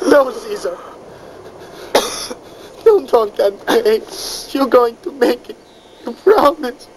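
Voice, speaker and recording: A woman acts a devoted male prisoner in a drama. The voice is slow, tender and pleading, with lively pitch movement, on slightly noisy sound. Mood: reassuring. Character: devoted male prisoner comforting a dying friend. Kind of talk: dramatic acting.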